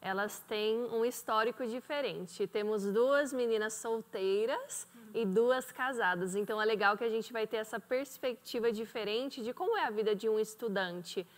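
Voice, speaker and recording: A woman's voice: on the high side, normal speed, few pauses. A woman hosting a studio panel talk, asking questions and backing up her guests with short affirmations. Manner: encouraging, many short affirmations. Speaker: talk show host. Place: TV studio set. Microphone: handheld mic.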